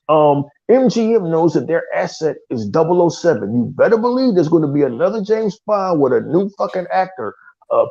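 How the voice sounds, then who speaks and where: A man with a gravelly, fry-heavy voice, talking about games on a casual podcast. His pitch swings widely as he rants, heated and profane, slipping into mocking voices. The sound is dull and lo-fi. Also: darkish tone. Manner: heated, ranting, mocking impressions. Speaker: podcast co-host. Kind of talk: casual profane gaming talk.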